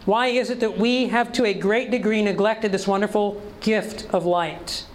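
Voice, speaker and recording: A man's voice: sits high, steady tone, normal speed, low-quality recording. A man preaching a sermon, reading scripture aloud and pressing the congregation with rhetorical questions.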